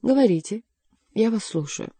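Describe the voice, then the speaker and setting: A woman's voice: fairly high pitch, expressive, moderate pace, mellow, breathy edge, dry recording, pitched above the performer's own voice. A woman reading the part of a proud young prince who answers curtly and defiantly. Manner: proud, curt.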